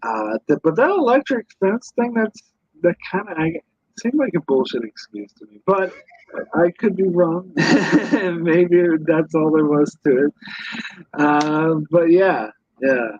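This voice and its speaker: A man's voice: fairly high pitch, expressive, slow pace, slightly rough, no room sound, highs cut off. A man guesting on a casual review podcast, hesitant and skeptical, often correcting himself.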